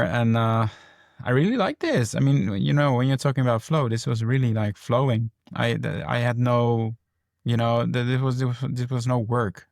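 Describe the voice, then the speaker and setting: A man's voice: medium pitch, gravelly, no room sound, studio quality. A man co-hosting a podcast in casual chat, laid-back and easygoing. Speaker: podcast co-host.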